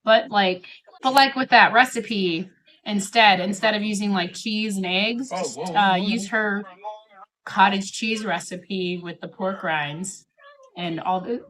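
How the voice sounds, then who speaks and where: A woman's voice: medium pitch, takes it slowly, fairly bright tone, rough recording. Chatty woman talking over a steak dinner. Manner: chatty, rambling, self-quoting. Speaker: vlogger. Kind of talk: casual chat to camera.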